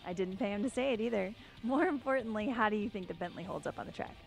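A woman's voice: medium pitch, expressive, fast, creaky, soft background music. A young woman hosting outdoors at a race track, speaking energetically into a handheld mic. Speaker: host. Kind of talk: upbeat presenting and interviewing.

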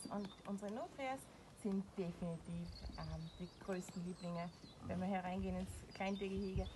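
A young Austrian woman explains animals to children in a kindergarten teacher manner, using simple words, recorded outdoors. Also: mid-range voice. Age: young adult. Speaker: animal trainer and presenter. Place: outdoors in a small animal enclosure. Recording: clear outdoor background noise, animal sounds.

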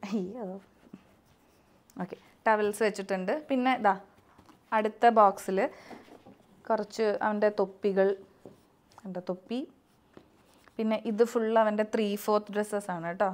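A woman's voice: medium pitch, fairly even intonation, normal speed, long pauses. A young woman, a mother chatting casually as she demonstrates her baby setup at home for a vlog. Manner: chatty, coaxing a crying baby in sing-song. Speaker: vlogger, mother. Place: home nursery indoors. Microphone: camera operated by someone else.

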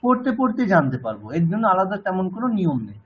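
A man teaching a language class online with a Bengali accent, patiently correcting students and slowly repeating words. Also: sits high, big pitch swings, dull audio.

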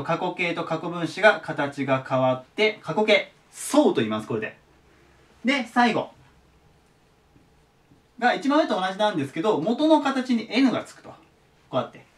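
Lively-pitched man teaching a lesson. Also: recorded from a distance. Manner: patient, steady explaining. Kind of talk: explaining a video lesson.

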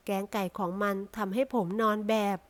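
A woman's voice: mid-range voice, steady tone, fairly quick, natural voice. Woman reading as a grumbling, vengeful old nobleman. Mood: indignant. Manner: grumbling, indignant.

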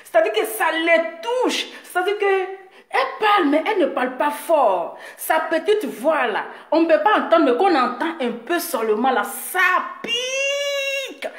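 A woman talking straight to her viewers in a boastful, mocking rant, teasing her critic with drawn-out words and frequent laughs. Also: very high voice, expressive. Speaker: video blogger addressing her audience. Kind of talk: boastful direct-to-camera rant. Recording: echoey room.

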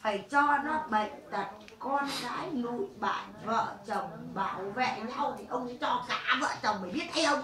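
A woman's voice: a little high, moderate pace, hardly any pauses, a crowd in the background. A woman spirit medium speaking bluntly and coarsely during a séance, scolding the family. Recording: echoey room, mic far off.

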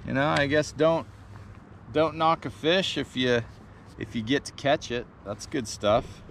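Out on a pontoon boat, a man in his thirties who makes fishing videos talks through his bait rig in a slow, relaxed how-to style, getting excited once a fish bites. His voice is gravelly and medium-pitched, and the chest-mounted action camera adds a little hiss or hum.

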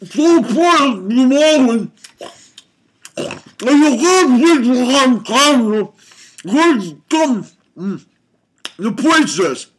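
A man's voice: extremely high pitch, animated, drawn-out words, pauses often, husky. A man hosting a comic game review, rambling and muttering, with sudden angry outbursts. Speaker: comedy show host.

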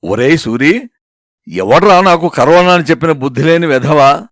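A man's voice: fairly high pitch, expressive, normal speed, no echo, clean studio sound, close to an everyday voice. A man voicing a sick, grumbling middle-aged husband who whines and complains. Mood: exasperated. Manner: whining, complaining.

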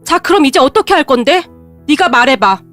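A woman's voice: high voice, very animated, brisk, fairly bright tone, soft background music. A woman voicing a fed-up young wife who snaps angrily at her husband, in a storybook narration. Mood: furious. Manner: snapping, lashing out.

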